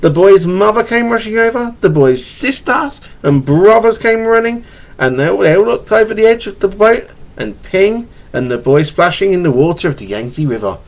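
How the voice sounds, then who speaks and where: A man with a high, expressive voice reads a picture book aloud to his child as a bedtime story, at a moderate pace. He stutters, tripping over words and repeating them. The webcam microphone records him at home.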